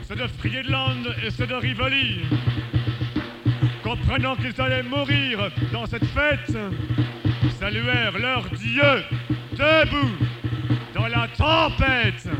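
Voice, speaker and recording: A man giving a dramatic verse recitation, swinging from hushed murmurs to shouted cries and mimicking drums and fanfares with his voice. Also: very high-pitched. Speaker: poetry reciter. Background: loud music.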